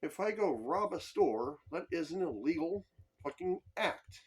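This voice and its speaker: A man's voice: a little high, lively intonation, a little slow, slightly rough. A man hosting a podcast, delivering a heated, profane political commentary monologue. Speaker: podcast host.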